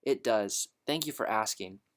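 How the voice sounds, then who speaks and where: A man doing a sad, quiet schoolteacher. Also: on the low side, natural voice. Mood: grateful. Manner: quiet, slow. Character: sad, soft-spoken female teacher.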